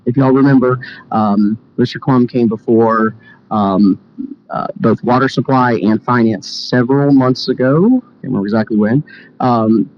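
A man speaking as a committee chairman, running through formal meeting business in a conversational way. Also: fairly low pitch. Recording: dull lo-fi meeting-room audio.

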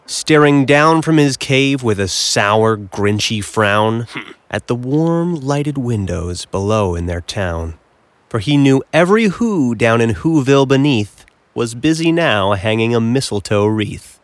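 A man reading a rhyming storybook aloud in an expressive, sing-song way, drawing out playful repetitions. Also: mid-range voice, a little slow, no room sound. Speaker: storybook narrator. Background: background music with jingle bells.

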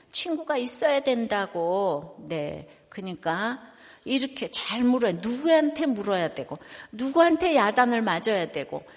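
An older woman pastor preaching a sermon, telling stories and asking the congregation questions. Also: fairly high pitch. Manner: chatty storytelling, asks the congregation questions. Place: church sanctuary. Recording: long hall reverb.

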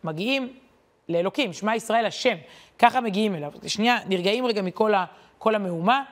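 Speaking at a medium pitch, a woman gives her weekly Torah class with animation and a conversational tone, her speech often broken by hesitant fillers.

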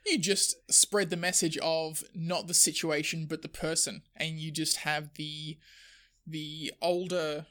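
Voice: medium pitch, little pitch movement, measured pace, pushed and bright. Dry-humored podcast co-host. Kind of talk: casual chat.

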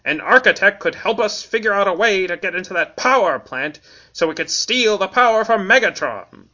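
A man's voice: high voice, animated, moderate pace, bright, forceful tone, pitched above the performer's own voice. A man voicing a scheming, wicked robot grasshopper spy from a storybook, with a plotting villain delivery. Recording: dull lo-fi audio.

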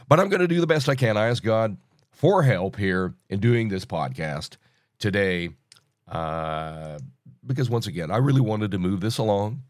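A man in his sixties hosting an informal Bible teaching podcast, talking in a halting, rambling way, sounding hollow as if through a tunnel. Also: fairly low pitch, expressive, no echo, studio quality. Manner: halting, rambling, self-interrupting. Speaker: podcast host.

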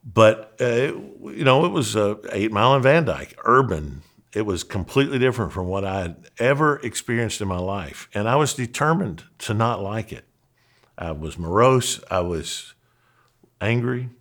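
A middle-aged man with a Southern accent from Kentucky, a pastor telling a personal story in an earnest, animated way with frequent restarts. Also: on the low side, normal speed. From Western Kentucky, USA. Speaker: pastor and podcast host.

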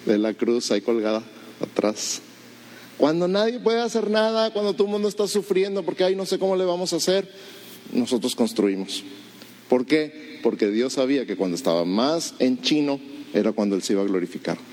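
A man, a pastor preaching an animated storytelling sermon in a church, asking the congregation rhetorical questions. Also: mid-range voice, moderate pace.

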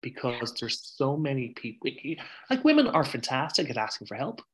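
A candid Irish man telling his story in a frank, conversational way. His voice sits at an everyday middle pitch. He swears freely and drifts onto tangents. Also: big pitch swings, normal speed, a bit bright. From Ireland. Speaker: podcast guest.

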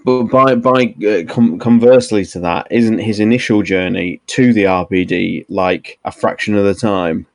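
A man's voice: on the low side, normal speed, few pauses, no echo. A man chatting casually as a panellist in a remote group discussion. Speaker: podcast panellist. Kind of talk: casual chat.

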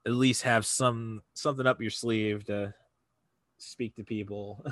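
A man chatting casually on a podcast, talking haltingly with many fillers and restarts. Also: fairly low pitch, fairly even intonation, fairly bright tone, no echo.

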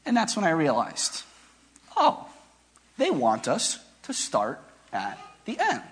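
A man's voice: fairly high pitch, huge pitch swings, measured pace, breathy edge. A male pastor giving a conversational, reflective sermon, asking his congregation rhetorical questions.

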